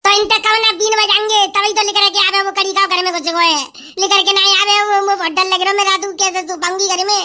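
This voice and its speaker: Shrill, bright comic village woman. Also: little pitch movement, fairly quick, hardly any pauses. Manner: loud, shrill, bantering village dialect. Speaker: comedy sketch performer. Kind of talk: village comedy sketch.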